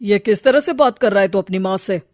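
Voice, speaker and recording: A woman voicing a rude, gruff middle-aged father in a cartoon, speaking curtly. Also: medium pitch, brisk, a little mellow, no room sound, clean studio sound, natural voice. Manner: curt, gruff. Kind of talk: cartoon voice acting.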